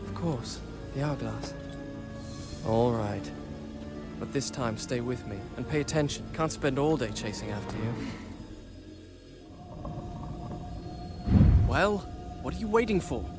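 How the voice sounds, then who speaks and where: A man's voice: medium pitch, lively intonation, normal speed, lightly acted. Guy playing cocky young game prince, sarcastic, muttering to himself, voice swings around a lot, music behind. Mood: impatient. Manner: wry, sarcastic, talks to himself. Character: proud, boastful young prince, sardonic and self-doubting adventurer. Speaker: video game protagonist and narrator. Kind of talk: dramatic game dialogue and musing narration.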